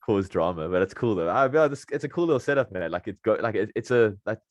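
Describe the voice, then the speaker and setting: A man's voice: on the low side, lively intonation, quick pace, dry recording. A young South African man chatting casually as an interview guest, with a slangy, matey way of talking. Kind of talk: casual chat.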